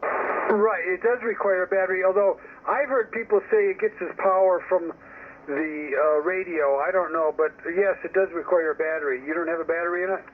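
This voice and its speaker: This ham radio operator speaks at a normal speed in a high-pitched voice with fairly even intonation, rambling through a casual, opinion-heavy chat. His voice comes in over a narrowband radio link, tinny and static-laced.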